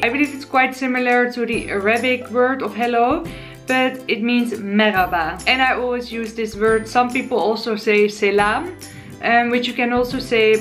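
Seated on her living-room sofa facing the camera, a twentysomething YouTuber from the Netherlands teaches vocabulary in a relaxed vlog-style lesson. She speaks in a chatty, friendly way with a Dutch accent and a fairly high voice, slowing down when spelling new words, while faint soft music plays in the background.

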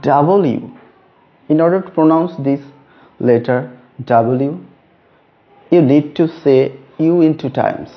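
A man teaching a lesson on letter names, speaking slowly and stressing each letter. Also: on the high side. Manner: slow, deliberate, stresses each letter name. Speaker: English teacher. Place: room with a whiteboard. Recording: dull lo-fi recording.

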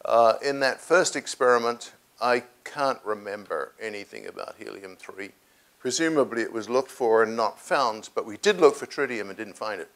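An older man in a large lecture hall, answering audience questions on a lapel mic, halting with many restarts. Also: on the low side, a bit bright. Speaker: guest speaker taking audience questions.

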